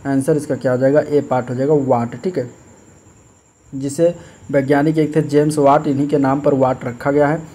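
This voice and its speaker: A man with a mid-range, slightly rough voice speaks at a normal pace as an exam-prep tutor. He explains practice test questions step by step in a steady way, often checking in by repeating "ठीक है" ("okay") and using plenty of fillers.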